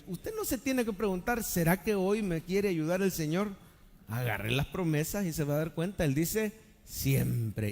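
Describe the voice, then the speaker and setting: A male pastor preaching a live sermon, swinging between loud calls and hushed lines and asking the congregation for amens. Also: sits high. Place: church sanctuary during a live service. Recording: long church-hall reverb.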